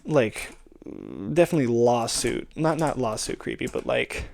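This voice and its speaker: A man's voice: medium pitch, normal speed, gravelly, a little mellow, a little hiss or hum. A young adult man chatting casually, meandering through a story in slangy, sweary language and slipping into bits of acted dialogue. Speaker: storyteller pitching a movie idea. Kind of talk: rambling casual chat.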